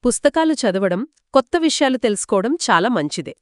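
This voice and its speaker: A woman's voice: fairly high pitch, big pitch swings, a little fast, no echo, studio quality. A woman co-telling a children's folk tale, asking curious questions and reacting with exclamations. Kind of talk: children's story told as a two-voice conversation.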